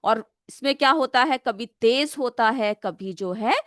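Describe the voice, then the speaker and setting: A woman's voice: fairly high pitch, unhurried, a bit bright, dry recording, studio quality. A woman teaching a school science lesson. She asks the pupils questions and then answers them herself. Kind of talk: classroom lesson, explaining a simulation.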